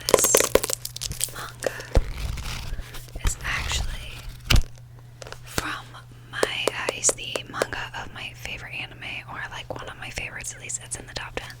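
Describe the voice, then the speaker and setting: A woman whispers in a breathy voice, chatting in a casual, rambling, slangy way for ASMR. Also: unhurried, pauses often, poor audio. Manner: informal, slangy, sweary, rambling. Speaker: ASMR video host. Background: nail tapping and page fluttering.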